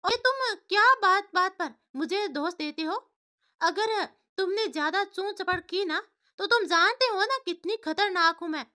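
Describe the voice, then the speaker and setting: A woman puts on a spiteful storybook aunt with a shrill, cutting voice. She scolds and threatens in a high, bright tone, cruel to the core. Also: animated, a little slow, heavily acted.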